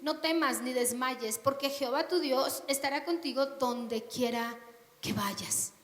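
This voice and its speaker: A woman delivers a sermon in a high, bright voice, putting questions to her listeners and swelling loud when she reads scripture. Her voice rings through a large hall with a long, echoing reverb. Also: measured pace. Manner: questions the congregation, rising to loud emphatic scripture reading. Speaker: preacher.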